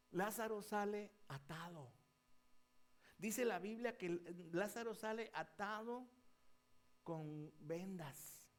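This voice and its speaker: High-voiced preaching pastor, man. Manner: preaching with big swings between loud declarations and low, quiet asides. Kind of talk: sermon.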